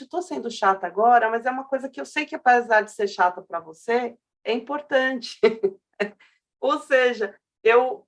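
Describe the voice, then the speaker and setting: A woman's voice: high voice, fairly bright tone. A middle-aged woman speaking as a guest expert in a webinar, telling stories and acting out quoted dialogue. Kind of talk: webinar talk.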